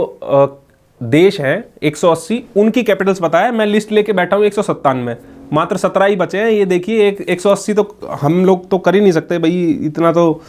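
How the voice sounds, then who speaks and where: A male local news reporter marvelling aloud as he quizzes children and talks to their mother. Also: high-pitched. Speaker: news reporter interviewing a family.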